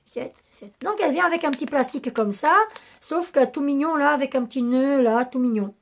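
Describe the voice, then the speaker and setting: A woman vlogger with a raspy voice that is going hoarse, chatting to camera in a rambling way with many hesitations. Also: high voice, fairly quick, a little hiss or hum. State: losing her voice. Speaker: beauty vlogger. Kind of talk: casual chat to camera.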